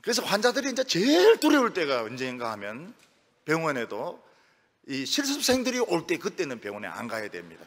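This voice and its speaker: A middle-aged male pastor preaching a sermon in a lively, storytelling way, acting out the voices of people he quotes. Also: a little high, fairly quick. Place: church sanctuary. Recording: long reverb of a church hall.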